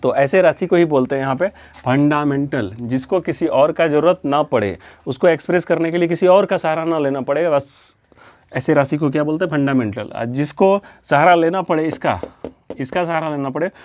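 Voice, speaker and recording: A man's voice: a little high, brisk. A man teaching a physics lesson in a lecture style, asking questions and answering them himself, repeating key terms as a drill. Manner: steady, explanatory, drills terms.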